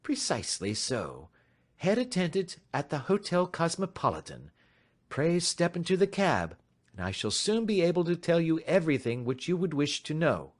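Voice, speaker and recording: Sherlock Holmes, as a man reads him, crisp and lively. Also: fairly high pitch, voice pushed up. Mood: confident. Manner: crisp, measured, gently ironic. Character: sharp, self-assured gentleman detective, adult male. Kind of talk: audiobook reading.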